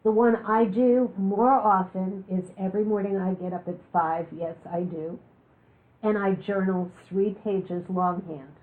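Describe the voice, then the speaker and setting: A woman's voice: mid-range voice, steady tone, unhurried. Woman speaking through a thin, phone-like recording. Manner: candid, joking storyteller. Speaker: speaker giving a talk on chronic illness. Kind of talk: public talk with personal stories.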